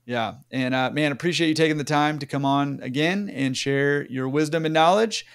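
Upbeat gravelly-voiced podcast host man. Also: a little high, moderate pace. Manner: upbeat, encouraging, filler-heavy. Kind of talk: casual podcast interview.

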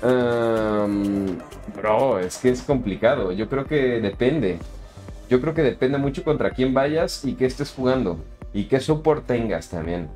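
A man's voice: medium pitch, lively intonation, a little slow, darkish tone, faint music behind. A young man with a Mexican accent, casually commenting on his game live and answering chat in slangy, chatty talk. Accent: Mexican Spanish. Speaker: streamer.

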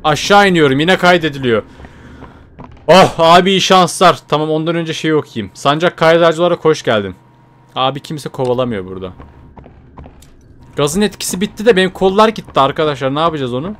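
A young man narrating his own horror game playthrough for viewers, in a voice that sits a little high. He drops to nervous muttering, then jolts into sudden yells. A faint hiss runs under the desk-mic recording. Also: animated, brisk. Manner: jumpy, swings from muttering to startled shouts; chatty, addresses viewers directly. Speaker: gaming YouTuber. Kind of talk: horror game let's play commentary.

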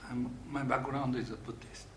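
A man from Japan, introducing himself haltingly as a course participant. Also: mid-range voice, steady tone. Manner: hesitant, halting self-introduction. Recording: echoey noisy room, mic far off.

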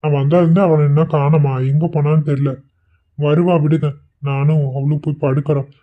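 A performer voicing a gentle, concerned husband in a cartoon. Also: mid-range voice, little pitch movement, a little fast, phone-quality sound, lightly acted. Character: caring worried husband. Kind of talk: Tamil cartoon voice acting.

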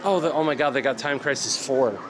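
Excitable bearded man vlogging from a car. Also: mid-range voice, fairly quick, noisy background. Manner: excitable, chatty. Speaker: vlog co-host. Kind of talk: casual road-trip vlog chat. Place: inside a car, then a loud arcade. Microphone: handheld phone camera at arm's length.

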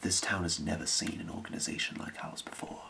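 A man in a whispered role-play, playing a scheming thieves' guild boss with a breathy, creaky whisper and a measured, secretive delivery. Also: deep voice, steady tone, bright, forceful tone, full character voice. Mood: hushed, calculating.

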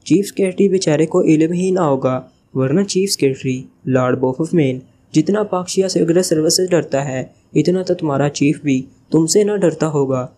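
A man's voice: a little high, moderate pace, hardly any pauses, warm tone, slight background noise, lightly acted. A man reading the part of a sly, joking male spy leader in a teasing, evasive way.

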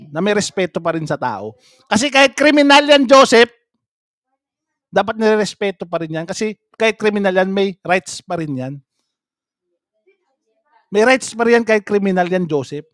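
A man's voice: sits high, no echo, clean studio sound. A man, doing casual reaction commentary, mocking and laughing as he repeatedly calls out a name. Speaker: vlogger reacting to clips.

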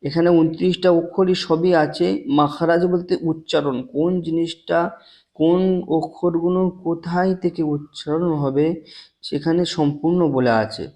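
A man's voice: on the high side, steady tone, mellow. Earnest man teaching Quran pronunciation. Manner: earnest, repeats letters slowly for pronunciation drills. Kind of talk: religious lesson.

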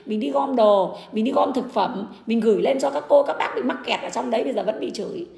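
Woman, livestream rant; fast, gravelly, blunt and argumentative. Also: a little high, a little mellow, echoey room. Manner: indignant, argumentative, addresses critics bluntly. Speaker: livestreamer defending her husband.

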